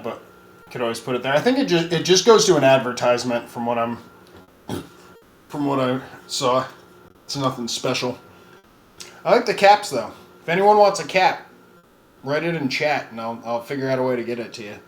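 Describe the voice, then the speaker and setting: A man's voice: medium pitch, moderate pace, pauses often. Man chatting casually in a roomy space. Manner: relaxed, chatty, thinking aloud with fillers. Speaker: streamer doing a taste test. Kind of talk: casual live-stream chat. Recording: roomy with faint background noise.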